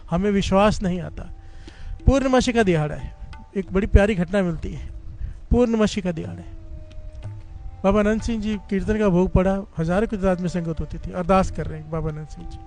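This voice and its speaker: A man's voice: sits high, brisk, creaky, darkish tone, faint music behind. A man giving a fervent Sikh sermon. He tells a story and keeps calling on the congregation to respond. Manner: fervent storytelling, often leading the congregation in "dhan guru nanak". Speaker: Sikh preacher giving katha. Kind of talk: devotional sermon with call-and-response.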